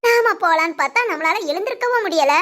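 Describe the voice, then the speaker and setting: A grumbling, bedridden old mother-in-law in a cartoon, voiced by a woman. Her voice is squeaky and very high, bright and sharp, and she whines, frets and scolds everyone around her. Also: animated, fast talker. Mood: fretful. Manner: complaining, whiny and chiding. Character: aching elderly mother-in-law, grumbling and fussy. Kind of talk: Tamil family cartoon voice acting.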